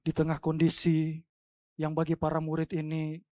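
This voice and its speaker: A woman's voice: low voice, completely flat delivery, normal speed, dry recording. Woman preaching a dramatic sermon. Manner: dramatic, swings between loud emphatic cries and soft hushed lines. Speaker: pastor. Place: church.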